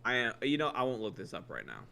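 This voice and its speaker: A man's voice: medium pitch, wildly swooping pitch, fast, creaky, sharp tone. An American man co-hosting a podcast, talking sports in a casual, colloquial way and hedging as he goes.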